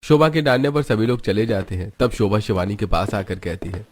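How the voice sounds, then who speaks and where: A man giving scripted narration for an animated story in a steady manner. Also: on the low side, fairly quick, no echo.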